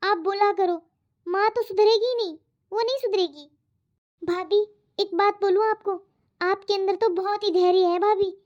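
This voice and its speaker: A woman's voice: very high voice, fairly even intonation, normal speed, darkish tone. A woman voicing an outspoken, spirited young unmarried daughter in a cartoon, arguing and protesting. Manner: protesting, argumentative. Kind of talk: cartoon voice acting. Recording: dull lo-fi audio.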